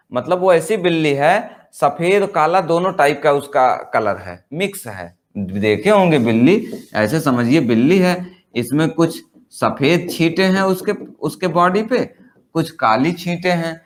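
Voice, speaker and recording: Slow-paced grammar teacher, man. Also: on the high side. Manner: slow, explanatory, repeats points and asks rhetorical questions; reads English example sentences very slowly, word by word. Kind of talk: Hindi-language grammar lesson.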